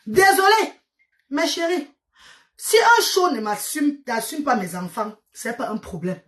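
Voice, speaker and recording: A Cameroonian vlogger, native to Medumba, speaks a little slowly in Cameroonian-accented French, with a voice that sits high. She tells her followers stories in a chatty, animated style, exclaiming often. English words slip into her French, and she tends to repeat herself.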